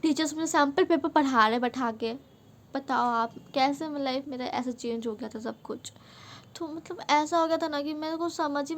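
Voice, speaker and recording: A woman's voice: high voice, slight background noise. A young woman vlogger from Bihar, India, telling a casual storytime monologue in a frank, emphatic way, with English words mixed in. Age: young adult.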